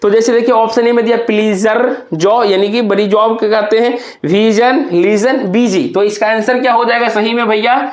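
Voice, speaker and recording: A man teaches an exam prep lesson in a very high voice. He explains step by step, spells words out letter by letter and keeps answering his own questions. The room around him is echoey. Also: fairly even intonation, normal speed, few pauses. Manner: talks to students directly, asking and answering his own questions.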